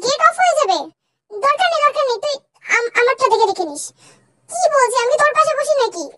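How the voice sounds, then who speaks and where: A bossy college girl with a teasing, scolding edge, voiced by a young woman in a very high tone. A faint hiss sits under the voice. The banter has a quick, sisterly bite. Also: lively intonation. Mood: exasperated. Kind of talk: fan dub voice acting.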